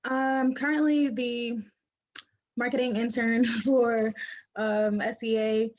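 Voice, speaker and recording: A woman in her early twenties, a student, speaking in a relaxed, offhand way over a video call. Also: on the high side, slow. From Jamaica. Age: early 20s. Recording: dull lo-fi call audio.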